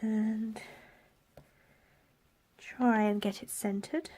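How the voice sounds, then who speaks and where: Her speech is extremely slow, fairly high in pitch and quite even in intonation. She is a stamping craft demonstrator giving a card-making tutorial with a head cold, her voice raspy and blocked-up, and she talks softly over her work, at times almost in a whisper.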